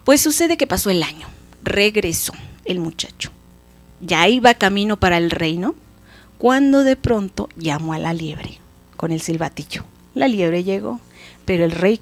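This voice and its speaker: Lively woman telling a folk tale. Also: medium pitch. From Mexico. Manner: lively, expressive, casual retelling. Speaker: storyteller host. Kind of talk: folk tale storytelling for children.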